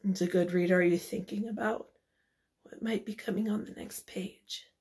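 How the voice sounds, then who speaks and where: A woman teacher reading a picture book aloud to children, pausing to ask them questions and sometimes dropping to a whisper. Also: mid-range voice, fairly even intonation. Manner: gentle, asks the children questions, drops to whispers. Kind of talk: children's read-aloud lesson.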